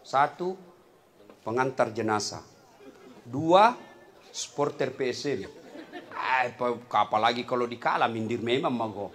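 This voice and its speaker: A man giving a humorous sermon, animated, joking and acting out little scenes as he preaches to a gathered audience. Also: mid-range voice, measured pace, pauses often. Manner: animated, jokes and acts out scenes, shouts takbir.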